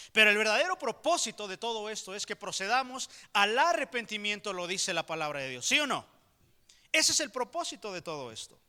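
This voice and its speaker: Casting: Mexican male pastor, high, sharp-toned voice, emphatic sermon delivery, questions to the congregation, reverberant church hall. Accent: Mexican Spanish.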